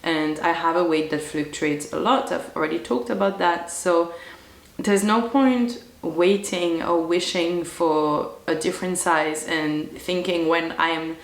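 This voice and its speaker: A young woman with a cold, her voice hoarse and deep, chatting casually to camera about her sewing plans in her sewing room, rambling with lots of fillers. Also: a little slow, roomy sound. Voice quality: deep, croaky voice. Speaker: sewing vlogger.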